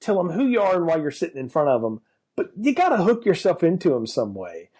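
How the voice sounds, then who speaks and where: A man co-hosting a film podcast, chatting casually and expressively with quick asides. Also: a little high, huge pitch swings, darkish tone. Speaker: podcast co-host. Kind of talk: casual film review chat.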